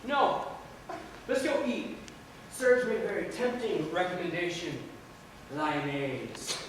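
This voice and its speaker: Actor as sardonic needler, high voice, stage play, distant and echoey. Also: male voice, big pitch swings, slow, noisy background, exaggerated voice. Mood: needling. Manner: sarcastic, needling. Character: sardonic needling man, blunt skeptic. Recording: echoey stage recorded from far off.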